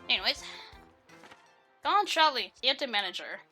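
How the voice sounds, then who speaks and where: A woman's voice: a little high, expressive, moderate pace, bright, forceful tone, faint music behind. A woman giving casual, giggly gameplay commentary, chatting with lots of fillers. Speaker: let's play gamer.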